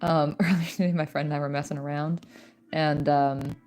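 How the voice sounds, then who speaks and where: A young woman streaming while working on an animatic, chatting casually in a soft-spoken way, with frequent fillers and small laughs. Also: sits low, little pitch movement, moderate pace, faint music behind. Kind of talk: casual chat.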